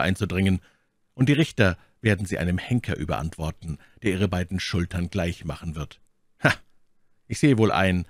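A man voicing a cool, mocking English lord in an audiobook, contemptuous and measured. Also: low-pitched, no echo, studio quality, natural voice. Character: cold, mocking English lord, older brother-in-law. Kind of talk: audiobook reading.

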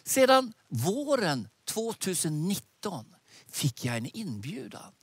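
A man in his sixties preaching a sermon outdoors with animated gestures, speaking into a headset mic. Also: high voice, breathy edge, no echo. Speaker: preacher and mission leader. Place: outdoors by a lake.

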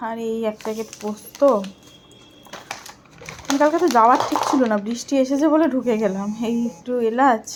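A middle-aged woman vlogger chatting casually and softly about her day at home. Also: a little high, normal speed, pauses often, noisy background. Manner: chatty, homely, soft-spoken. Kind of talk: casual vlog chat.

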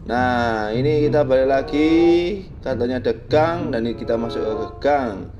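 A man narrates his motorbike ride in a chatty, joking way, speaking to viewers like friends. His voice sits at an ordinary pitch, picked up by a helmet-camera mic outdoors. Music plays clearly behind him. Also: normal speed, lo-fi sound. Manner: chatty, jokey, addresses viewers as "Lur". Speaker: motovlogger. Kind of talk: riding commentary vlog. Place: on a motorbike on village roads, outdoors. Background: background music.

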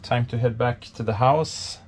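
A man in his thirties from Sweden, casually explaining boat work in a relaxed vlog, with frequent fillers, recorded by a camera close above him in a cramped boat compartment. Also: mid-range voice, a little slow, background noise. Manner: relaxed, thinking aloud with many fillers. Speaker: sailing vlogger.

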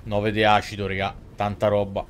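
This Roman-accented man in his thirties talks at normal speed in a lowish, completely flat voice, with a little hiss or hum on the recording. He's a game streamer at an indoor desk, game music behind him, giving slangy, exclamatory live commentary to his chat and characters.

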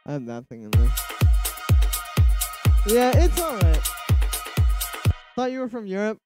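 A streamer with a high-pitched, nasal voice speaks slowly and easily while producing music indoors at his home studio, wondering aloud and reading chat replies. Electronic music plays loudly under his voice throughout the livestream.

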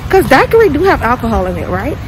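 A woman's voice: sits high, big pitch swings, fast. A young woman vlogging on a phone at arm's length, chatting and joking to the camera as she walks through an outdoor plaza. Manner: chatty, joking, talks to camera while walking. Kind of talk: casual vlog chat. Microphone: phone held at arm's length. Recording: noisy outdoor phone recording.

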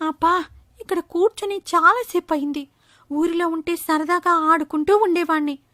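Brief: woman playing a cheeky little boy prankster, high bright voice, dry sound, playful storybook kid. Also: moderate pace, dry recording. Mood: teasing. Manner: playful, teasing. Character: mischievous young village boy prankster.

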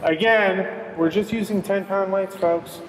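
A man's voice: high voice, fairly even intonation, a little slow. A man working as a fitness trainer, coaching a workout with an upbeat, encouraging manner and counting reps. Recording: echoey hall with background noise.

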